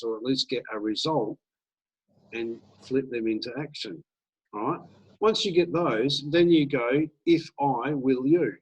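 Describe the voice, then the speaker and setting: A man coaching a group on sales calls in a casual, animated training talk, acting out sample dialogue. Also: medium pitch, husky, rough recording. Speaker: business coach.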